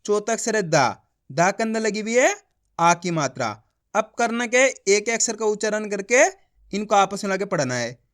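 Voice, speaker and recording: A man's voice: high-pitched, big pitch swings, moderate pace, a bit bright. A male teacher giving a beginner reading lesson, sounding out each word syllable by syllable, then blending it and coaching viewers directly.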